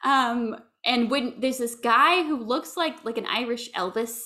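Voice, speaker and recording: Chatty woman with a slightly high voice. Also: unhurried, pushed and bright. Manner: chatty, laughing, lots of "like". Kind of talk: casual chat recapping a movie.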